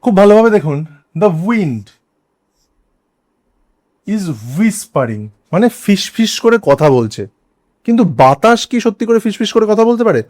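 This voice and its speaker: A man with a Bengali accent teaches an English grammar lesson at a measured pace with long pauses, working through examples step by step and questioning students. His voice sits high with a darkish tone and is very animated; he spells words letter by letter and asks rhetorical questions.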